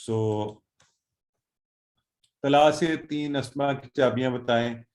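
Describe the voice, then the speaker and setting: A man teaching an online Quran and Arabic class over a video call, encouraging and drilling students by slowly repeating Arabic words. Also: mid-range voice, darkish tone.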